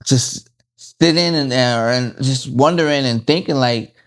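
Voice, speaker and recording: A man's voice: mid-range voice, a little slow. A middle-aged man co-hosting a candid podcast, talking in an emphatic, slangy way and laughing at himself. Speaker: podcast co-host.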